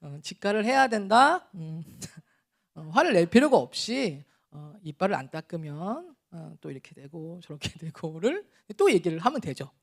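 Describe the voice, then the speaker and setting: Lively Korean-speaking male pastor preaching. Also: sits high, moderate pace, gravelly. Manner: conversational preaching with chuckles and acted scolding. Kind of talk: sermon.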